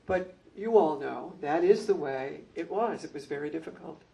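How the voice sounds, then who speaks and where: An older woman with a gravelly, mellow voice recalls her years as a principal for a library gathering. She tells her anecdotes in a measured way, pausing on ums. The mic picks her up from across the room. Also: deep voice, animated. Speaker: former school principal. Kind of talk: reminiscing talk at a community gathering. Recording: distant mic.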